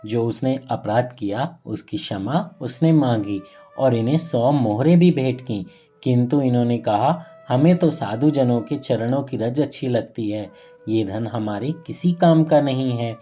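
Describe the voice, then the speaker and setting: A man's voice: medium pitch, unhurried, mellow, soft background music. A man narrating a saint's life story in a reverent, earnest devotional storytelling manner, now and then correcting himself mid-phrase. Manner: earnest, reverent retelling with occasional self-corrections.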